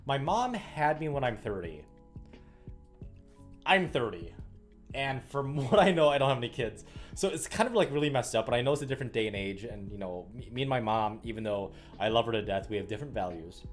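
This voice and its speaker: A man's voice: medium pitch, big pitch swings, brisk. A man in his thirties from the US Midwest, rambling casually on a livestream with frequent fillers and laughs. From Illinois, US Midwest. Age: 30s. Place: home room while stringing rackets. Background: faint music.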